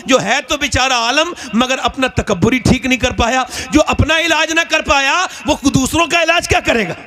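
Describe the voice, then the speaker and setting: A male preacher telling a moral story in a religious talk, animated with wide swings in pitch. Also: normal speed.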